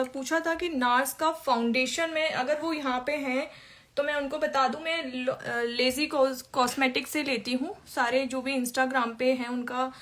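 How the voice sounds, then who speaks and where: Woman makeup teacher on a live stream, slightly high voice, chatty and informal, answers viewers as she works. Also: fairly bright tone.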